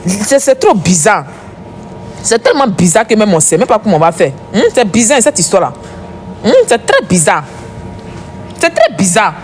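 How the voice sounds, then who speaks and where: A woman's voice: mid-range voice, big pitch swings, normal speed, pauses often, slight background noise. A woman doing casual live commentary as a gossip streamer, chatty and repetitive, talking straight to her viewers.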